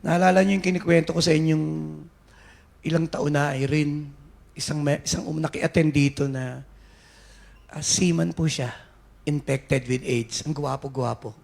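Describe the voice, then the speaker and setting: A Filipino pastor preaching to his church, his slightly high voice roughened with a gravelly edge. He moves between Tagalog and English and climbs now and then to shouts. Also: steady tone, moderate pace, pauses often. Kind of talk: sermon. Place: church sanctuary.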